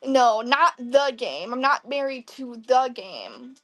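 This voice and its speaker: A woman's voice: high voice, very animated, slow, a bit bright. A woman in her twenties from the Midwest, chatting casually on a live selling stream and answering viewers' comments. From Midwest USA. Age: 20s. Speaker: live online seller. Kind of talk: casual livestream chat.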